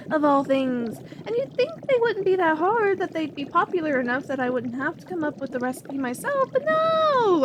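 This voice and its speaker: There's a noisy background behind this woman's high voice. In a scripted ASMR audio roleplay she plays a young alchemist who chats and rambles as she works, eventually becoming clingy and obsessive.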